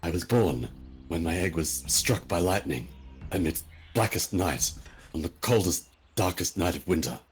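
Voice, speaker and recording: Man playing a deep-voiced, earnest dragonborn. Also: lively intonation, a little mellow, faint music behind. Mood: wistful. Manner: measured, hesitant, formal phrasing. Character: earnest, courteous male dragonborn raised by goblins.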